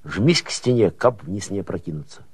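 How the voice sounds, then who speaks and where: A man narrating prose as an audiobook, with expressive folksy storytelling rhythm. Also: deep voice, normal speed, breathy edge, dry recording.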